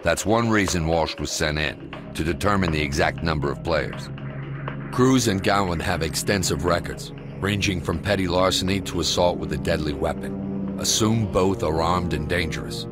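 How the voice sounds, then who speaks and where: Deep, grave American commander giving a briefing , acted by a man. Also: music in the background, close to an everyday voice. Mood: grave, commanding. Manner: grave commanding briefing, measured and matter-of-fact. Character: grave, commanding male SWAT commander briefing his team. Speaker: police tactical commander. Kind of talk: scripted mission briefing for a video game.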